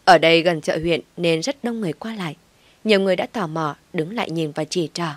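A woman reading a scripted audio story in a steady, gentle storytelling manner. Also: on the low side, brisk, dry recording.

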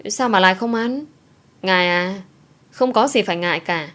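A woman voicing a kind neighbor woman in her forties who gently comforts a child. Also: medium pitch, moderate pace, lightly acted. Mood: gentle comforting. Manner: gentle, soothing.

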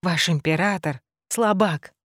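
A woman voicing a small, hysterical, foul-mouthed male rabbit with shrill, snarling yells. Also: lively intonation, takes it slowly, no room sound, clean studio sound. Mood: ranting.

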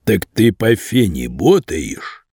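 A man voicing a cold, menacing gangster boss who drawls his threats slowly in an audiobook. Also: lowish voice, big pitch swings, a little mellow, breathy edge, no room sound, studio quality, exaggerated voice. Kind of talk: audiobook character voice.

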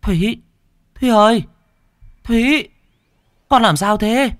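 A man voicing a caring middle-aged mother who speaks in a soft, coaxing way. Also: high-pitched, slow, no echo, studio quality, voice pushed up. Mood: worried.

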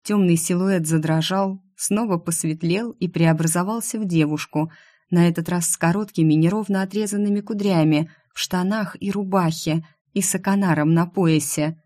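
A woman reading a fantasy audiobook in the first person, her voice a bit low for a woman. The sound is dry and close, with no room around it. Her narration is steady and attentive. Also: moderate pace, dry recording. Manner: urgent, pleading in dialogue.

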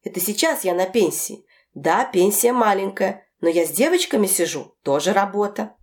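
A woman's voice: mid-range voice, lively intonation, normal speed, close to an everyday voice. A woman voicing a retired older mother who scolds and lectures her daughters reproachfully. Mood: aggrieved.

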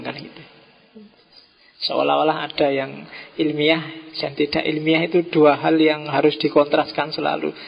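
Male lecturer, raspy and gravelly, relaxed joking delivery, dull roomy hall sound. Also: on the high side. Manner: relaxed, joking asides, mixes in Javanese words. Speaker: philosophy lecturer. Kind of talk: informal religious study talk.

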